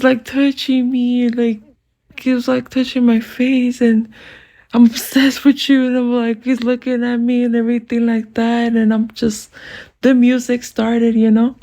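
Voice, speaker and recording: A woman's voice: fairly high pitch, flat delivery, a little slow, dark tone. A woman casually retelling a dream in a rambling, giggly way, full of fillers. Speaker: storyteller.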